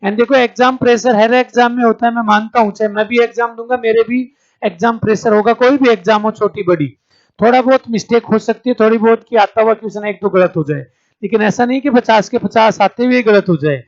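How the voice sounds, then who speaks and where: In an exam-prep lecture, a man whose voice sits high talks a little fast, putting each question to the class before answering it himself. He calls his students "beta" and checks their understanding with "theek hai," all in lo-fi sound.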